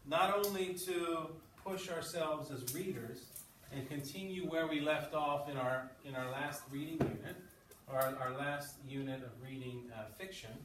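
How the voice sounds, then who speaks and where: Recorded off mic in an echoey classroom with background noise, a male English teacher with a fairly high pitch explains lessons and reads aloud, frequently pausing to ask brief check-in questions. The microphone sits far from him.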